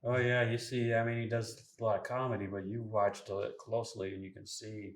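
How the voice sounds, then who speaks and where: A man's voice: fairly low pitch, level tone, a little fast. A man in his sixties hosting a casual chat show, easygoing, laughing often and trailing off mid-thought. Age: 60s. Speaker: podcast host. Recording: echoey room.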